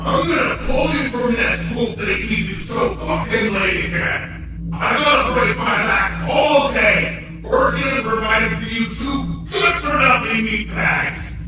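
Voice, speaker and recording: Horror game father: very high, bitter, shouted rant, distant in a long echo, loud music behind. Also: a little slow. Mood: raging. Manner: ranting, shouting. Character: monstrous abusive father, bitter, raging, foul-mouthed. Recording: echoey distant hall under loud music.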